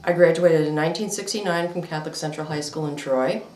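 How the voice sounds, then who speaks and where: Low-voiced woman in her fifties, matter-of-fact. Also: quick pace, a little mellow. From upstate New York, USA. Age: 50s. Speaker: interviewee. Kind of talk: reminiscing interview. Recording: echoey room.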